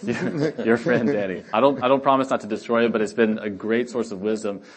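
A man's voice: lowish voice, steady tone, fairly quick, husky. A man hosting a panel conversation, introducing guests in a friendly, chatty way with light humor. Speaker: host, art advisor interviewing guests.

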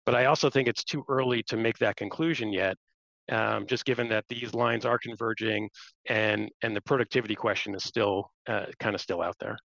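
A man's voice: lowish voice, steady tone, a little fast, vocal fry, fairly bright tone. A man giving unscripted, explanatory market commentary as an investment strategist on a panel. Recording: roomy, slightly muffled livestream audio.

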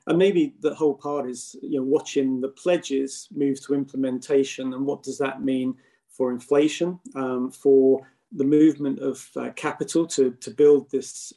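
A man giving measured expert commentary as a podcast guest, hesitating through long, winding sentences. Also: mid-range voice, warm tone.

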